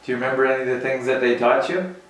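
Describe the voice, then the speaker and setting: A man's voice: mid-range voice, completely flat delivery, racing. A man asking conversational questions as an interviewer. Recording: very echoey, far from mic.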